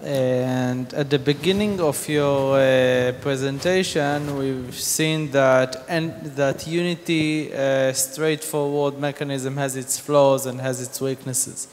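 Slow-spoken man from Israel in a hall. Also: medium pitch, steady tone, a little hiss or hum. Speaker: audience member asking a question. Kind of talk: audience question. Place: large conference hall. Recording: distant reverberant hall with faint ambience.

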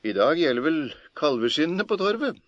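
A man's voice: fairly high pitch, very animated, no room sound, pitched above the performer's own voice. A crafty young farmhand, as a male reader plays him, cocky and offhand, his voice lifted a little above the narration. The sound is dry and somewhat muffled, a plain lo-fi audiobook read. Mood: boastful. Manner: sly, cocky, nonchalant. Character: sly, cheeky young male farm lad.

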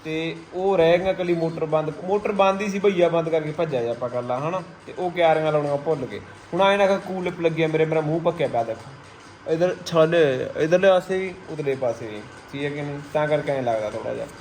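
A man's voice: on the high side, fast talker. A man with a Punjabi accent chatting casually as a pigeon-keeping vlogger, often coaxing his birds with repeated calls and endearments. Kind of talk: casual vlog chat. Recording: noisy handheld recording with ambient sounds.

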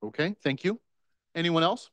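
A man with a slightly high voice chairs a council meeting in a brisk, polite, procedural way. He speaks into a desk microphone, and the sound is dry and close with little room echo. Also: animated, a bit bright. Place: council chamber.

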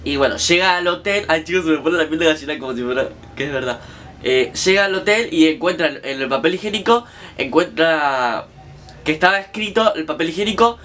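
A man's voice: a little high, expressive, a little fast, bright, forceful tone, a little hiss or hum. A young man with an Argentine accent, casually recounting a story to his viewers in a chatty, slangy way. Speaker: vlogger.

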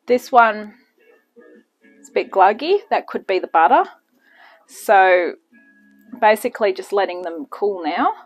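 A woman's voice: mid-range voice, animated, a little slow, pauses often, breathy edge, faint music behind, rough recording. A woman hosting a casual home cooking demonstration in her kitchen, chatty and self-deprecating with rambling asides. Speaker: home cooking channel host.

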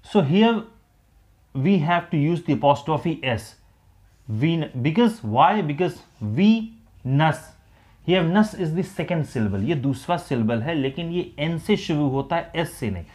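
A man teaching an English grammar lesson, explaining slowly and deliberately. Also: fairly high pitch, lively intonation, a little mellow. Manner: slow, deliberate explaining, mixing English and Hindi.

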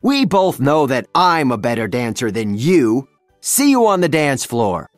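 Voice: medium pitch, big pitch swings, a little slow, no echo, faint music behind. A storybook reader voicing a pompous, theatrical evil male scientist who exclaims his schemes in a raised voice. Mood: scheming. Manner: exclaiming, melodramatic.

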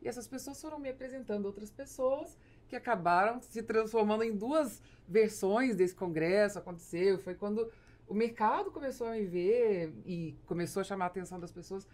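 A woman with a Brazilian accent hosts a podcast in a relaxed, conversational way. Her voice is medium in pitch, a little mellow, and moves at a moderate pace. She's recorded close on a boom-arm studio microphone in a small, foam-padded podcast studio.

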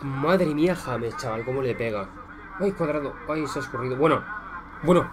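Over a noisy background, a young man from Spain with a Spanish accent reacts live to a football match at normal speed and medium pitch. He's excitable and profane, shouting at goals, muttering in between, and talking to viewers like friends.

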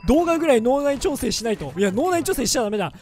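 A man doing casual let's-play game commentary, jokey and excitable, breaking into loud yelps during fights. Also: extremely high pitch, racing. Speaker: gaming commentator.

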